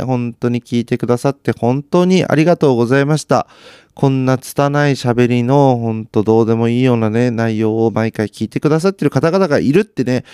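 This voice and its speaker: A man's voice: medium pitch, mellow, clean tone, no echo, clean studio sound. A man chatting casually on his own while watching TV, with chatty asides and self-deprecating remarks. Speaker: solo podcaster.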